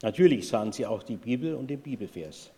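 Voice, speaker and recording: Calm man preaching in an echoey hall. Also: mid-range voice, brisk, slightly rough. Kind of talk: sermon with story reading.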